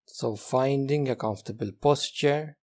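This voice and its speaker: A man's mid-range voice carries a guided meditation; as teacher, he keeps his words soft and slow, with long silences between phrases.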